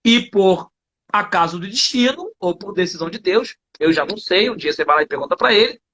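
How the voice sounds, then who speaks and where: Emphatic high-voiced Brazilian man teaching. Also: lively intonation, fairly quick, pushed and bright, highs cut off. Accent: Brazilian Portuguese. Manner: emphatic, slangy, preachy. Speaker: English teacher and co-host. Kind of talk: live-stream lesson.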